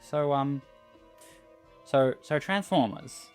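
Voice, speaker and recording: Halting, mid-pitched male commentator. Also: a little mellow, faint music behind. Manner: halting, thinking aloud. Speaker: co-host commenting on a comic. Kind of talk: casual analytical commentary.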